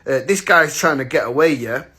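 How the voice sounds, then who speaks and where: A man's voice: a little high, lively intonation, fairly quick, pushed and bright, breathy edge. A man in his thirties, a vlogger telling a story straight to camera in a blunt, slangy, casual way. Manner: blunt, slangy, acts out the moments he retells.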